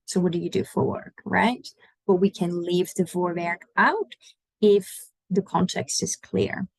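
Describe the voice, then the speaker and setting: A woman's voice: lowish voice, fairly even intonation, a little slow, dry recording, low-quality recording. A woman giving an online language lesson, patiently explaining pronunciation and inviting the listener to repeat after her. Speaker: language teacher.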